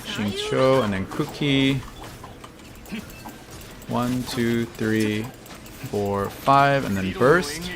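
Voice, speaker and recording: A man's voice: medium pitch, drawn-out words, pauses often. A man streaming a game, thinking aloud casually and answering chat questions. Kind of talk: live gameplay commentary.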